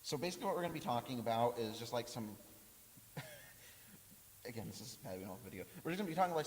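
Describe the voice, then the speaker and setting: A quick, animated man hosting a casual podcast, his pitch bouncing all over as he jokes with his guests. The sound has a long, hollow reverb with faint hiss underneath. He laughs easily and keeps the chat moving. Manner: lively, laughs often, jokey. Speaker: podcast host. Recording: hissy audio with long reverb.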